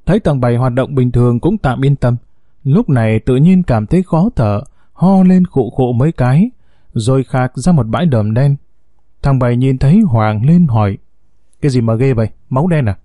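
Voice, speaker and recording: A man narrating a first-person story in a steady, unhurried way as the storyteller of an audio series. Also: mid-range voice, no room sound, clean studio sound.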